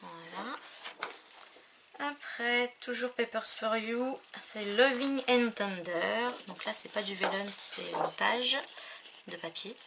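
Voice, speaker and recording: Brief: chatty woman filming a craft haul at home on a tripod camera, mid pitch, noisy recording with clicks. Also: slow pace, gravelly. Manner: chatty, admiring, trailing off with fillers. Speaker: crafting vlogger. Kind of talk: casual show-and-tell haul.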